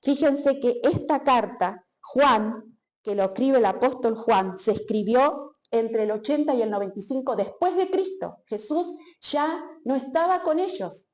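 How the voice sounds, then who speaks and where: Woman preacher, expressive, repeats for emphasis; echoey church hall. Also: fairly high pitch, unhurried. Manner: expressive, acts out quotes, repeats phrases for emphasis. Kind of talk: sermon.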